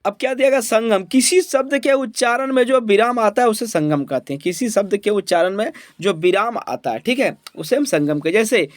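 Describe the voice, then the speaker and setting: A man's voice: sits high, animated, fairly quick, hardly any pauses, no room sound, clean studio sound. A man teaching a grammar exam lesson, asking the class questions and answering them himself, with frequent checks that they follow. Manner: repeats each point as a question and answer, "ठीक है?" checks.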